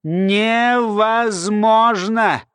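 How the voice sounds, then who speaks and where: A man's voice: high voice, drawn-out words, fairly bright tone, smooth, no room sound, voice pushed up, exaggerated voice. A man voicing a sly, grumpy old woman who lectures with sarcasm in an audiobook. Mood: lecturing. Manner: lecturing, sardonic. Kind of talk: audiobook character voice.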